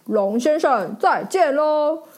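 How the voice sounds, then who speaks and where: A woman voicing a brave, cheerful male knight who exclaims with excitement. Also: high-pitched, takes it slowly, pitched above the performer's own voice. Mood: excited.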